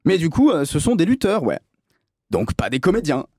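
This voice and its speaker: A man's voice: on the high side, huge pitch swings, moderate pace, mellow, husky, dry recording, clean studio sound. A man delivering a film review column in a hammy, mock-dramatic comic style.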